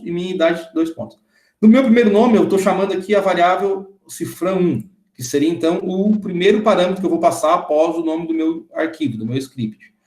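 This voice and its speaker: This thirties-aged programming instructor walks his class through a screen-recorded coding tutorial one step at a time, frequently making sure students are following. His voice sits high and a little mellow, heard in a roomy space.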